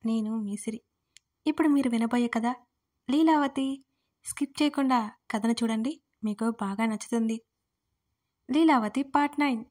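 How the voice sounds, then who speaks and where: Brief: woman storyteller, fairly high voice, lively first-person romance narration. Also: normal speed, long pauses. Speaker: storyteller and author.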